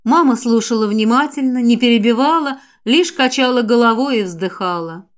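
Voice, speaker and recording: A woman's voice: on the high side, moderate pace. A woman reads a first-person novel aloud as an audiobook narrator. Her voice sits a little above average for a woman. She reads expressively and raises her tone for the heroine's dialogue. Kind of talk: first-person fiction reading.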